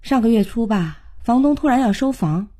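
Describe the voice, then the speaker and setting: A woman's voice: on the high side, animated, normal speed, dark tone, breathy edge, voice pushed up. A woman reading the part of a composed young female event organizer in her twenties, courteous and professional. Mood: candid. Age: 20s. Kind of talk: audiobook character reading.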